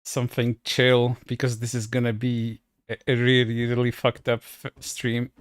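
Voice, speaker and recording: A man's voice: medium pitch, completely flat delivery, normal speed, no echo, clean studio sound. A man chatting casually on a livestream, speaking bluntly and crudely in a scornful way into a headset mic.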